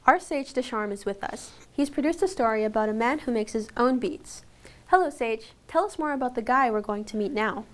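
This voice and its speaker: A woman who hosts the show, reading a scripted lead-in to the next story in a soft, friendly manner. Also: a little high, lively intonation, a little fast. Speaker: host.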